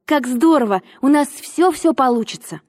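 An eager little girl, bubbly and breathless, as a woman reader puts her on. Her voice sits high and stays mellow rather than bright, and the storybook reading rings with a long reverb. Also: expressive, normal speed. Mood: excited.

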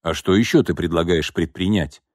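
A man's voice: sits low, moderate pace, a little mellow, dry recording, studio quality. Male reader as a scheming domineering old father. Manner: blunt, mocking, cunning. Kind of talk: audiobook reading.

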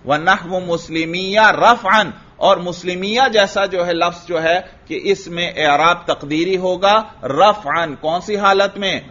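A man's voice: a little high, a bit bright. A man teaching an Arabic grammar lesson to a class. He asks his students questions, answers them himself and repeats the key words. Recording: dull lo-fi lecture recording.

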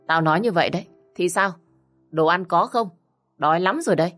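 A woman's voice: low-pitched, expressive, normal speed, soft background music. Woman doing a drunk, belligerent husband. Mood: drunk, angry. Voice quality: slurred, husky with drink. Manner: shouting, belligerent. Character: drunk angry middle-aged husband.

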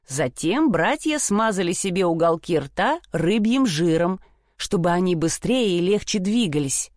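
A woman narrating a fairy tale in an expressive, playful storybook reading. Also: on the low side, no echo, clean studio sound.

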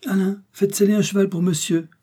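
Man reading as fussy rich châtelaine, fretful, pleading, hushed then shrill, husky mellow voice, storybook reading. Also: little pitch movement, fairly quick. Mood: insistent. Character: flustered rich older woman, fussy châtelaine.

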